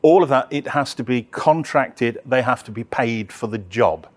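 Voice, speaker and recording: A man presenting an opera project, answering audience questions in a chatty, halting way with many restarts. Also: medium pitch. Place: live talk session.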